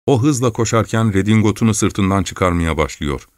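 A man narrating a story in the first person, with a steady, measured reading. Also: fairly low pitch, no room sound, clean studio sound. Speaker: audiobook narrator.

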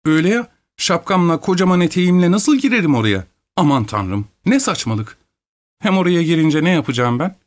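A man reading an audiobook aloud, voicing a flighty, capricious young married woman in a higher, petulant voice with frequent exclamations. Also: sing-song, brisk. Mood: indignant. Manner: petulant, high-strung, exclaiming.

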